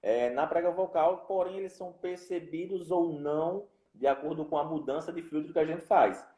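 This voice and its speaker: A man, a guest speech therapist, explaining in a measured way on a live stream. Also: fairly high pitch, mellow, echoey room. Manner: measured explanation with hedges and "né?" tags.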